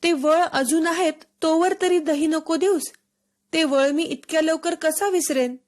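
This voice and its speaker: A woman's voice: sits high, expressive, takes it slowly, voice pushed up. A woman voicing a frightened, stubborn young boy in a storybook reading, pleading and whiny. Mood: sulky.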